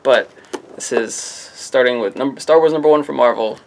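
A man's voice: medium pitch, moderate pace, creaky. A man from a comic shop casually running through new comics to camera, rambling and offhand, with jokey self-mocking asides. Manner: rambling, offhand, often trailing into "I don't know". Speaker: comic shop staff presenting new releases. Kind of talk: casual product rundown to camera.

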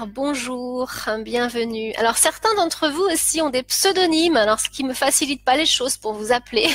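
A woman's voice: high voice, a bit bright. A woman who teaches French, chatting on a live stream as she greets viewers by name and laughs often. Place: home, living in Pakistan.

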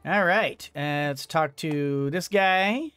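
A middle-aged gaming video host offers casual let's play commentary, hesitant and musing to himself while he plays. His male voice is a little high, slow, and a bit bright, recorded on a headset and boom-arm microphone with slight background noise and game music.

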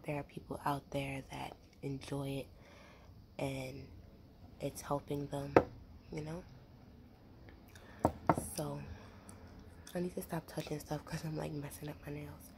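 A young woman rambling in a soft, half-whispered ASMR voice while chewing gum, with lots of fillers, close to the mic. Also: deep voice, gravelly, noisy background. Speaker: ASMR creator.

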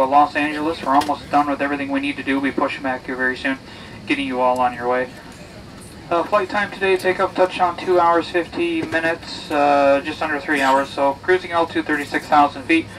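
A man, an airline pilot, making an informal, halting announcement full of uhs. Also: a little high. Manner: relaxed, halting with frequent uhs. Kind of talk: informal flight deck announcement. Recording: distant cabin PA, faint noise.

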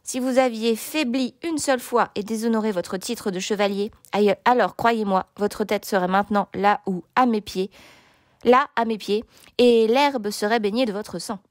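A woman's voice: mid-range voice, moderate pace, no echo, studio quality, natural voice. A woman voicing a huge male knight in a storybook reading, taunting and sneering. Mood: explaining. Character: huge mocking male knight, later a kindly lord.

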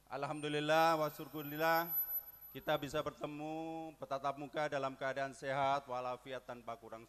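A man's voice: fairly high pitch, fairly bright tone, clean tone. Formal man giving a speech. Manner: ceremonious, leads call-and-response chants. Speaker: guest speaker at a community gathering.

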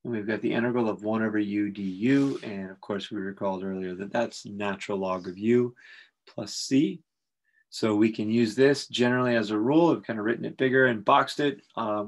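A man teaching a calculus lesson, talking through each step in a relaxed, explanatory way with frequent fillers. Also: fairly low pitch, brisk. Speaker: math instructor. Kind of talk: recorded calculus lecture.

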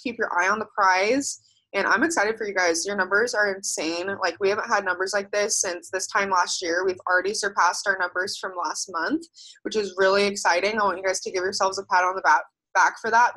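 Young woman hyping up her sales team on a video call, bright punchy voice, casual and emphatic. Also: mid-range voice, low-quality recording. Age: young adult. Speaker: sales team leader coaching her downline. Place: seated by a house door on a video call.

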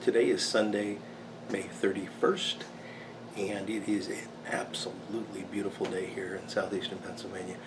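Fifties American man, lowish voice, casual review chat, halting delivery, noisy small workshop. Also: level tone. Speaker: pipe tobacco reviewer. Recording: clearly noisy room background.

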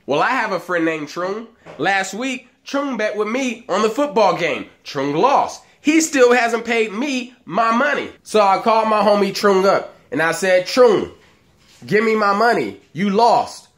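A man's voice: sits high, fairly bright tone. A man hosting a comedic mock language lesson, joking crudely and laughing along the way. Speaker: comedy video host.

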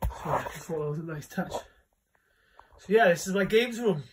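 Against a noisy background, a young Welsh man casually shows his small indoor games room, filming it on a phone in his hand. He speaks at a measured pace in a voice that sits high, rambling with lots of fillers as he goes.

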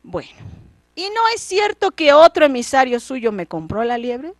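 A Mexican woman as a cheeky young storybook hero, sure of himself, lively lilt, dry sound. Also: high-pitched, moderate pace, no echo. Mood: teasing. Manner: bold, teasing and sure of himself. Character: clever, cheeky young peasant man.

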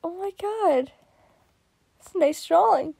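Excitable high-voiced woman gasping at fan art. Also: unhurried, creaky, no room sound. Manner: excitable, gasping, giggly, exclaims often. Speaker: vlogger reacting to fan art. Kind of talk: casual reaction commentary.

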